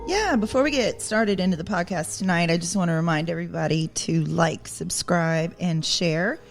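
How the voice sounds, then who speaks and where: A woman's voice: on the low side, moderate pace, vocal fry, soft background music. A woman co-hosting a podcast, chatting in a friendly way with many fillers. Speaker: podcast co-host. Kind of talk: casual podcast chat.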